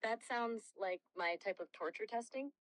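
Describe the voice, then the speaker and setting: Answering interview questions as an AI assistant, a woman's synthetic voice pitched fairly high speaks at a moderate pace in a soft-spoken, reflective, candid way. Her replies are conversational, and the low-quality recording has no echo.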